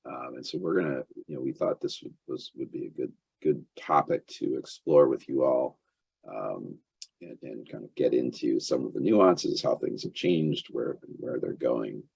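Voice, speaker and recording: A man in his fifties, a congested lawyer hosting a webinar, talking haltingly with lots of fillers and restarts. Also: extremely low pitch, expressive, vocal fry, darkish tone, slightly rough, no echo. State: congested, recovering from illness. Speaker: employment lawyer, webinar host. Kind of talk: webinar presentation. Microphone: computer mic on a video call without camera.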